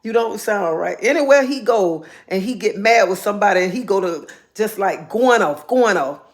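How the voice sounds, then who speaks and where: Medium-pitched and expressive, this woman talks at an even, moderate pace during a relaxed live-stream monologue, telling her story sincerely and with feeling while repeating things for emphasis.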